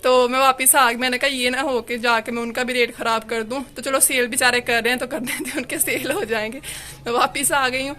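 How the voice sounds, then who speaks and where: Her voice sits high with a steady, sharp tone as she talks fairly quickly and barely pauses. She's a young woman from Pakistan vlogging her family life outdoors in a sunny courtyard on a handheld phone, rambling chattily with plenty of "you know" fillers.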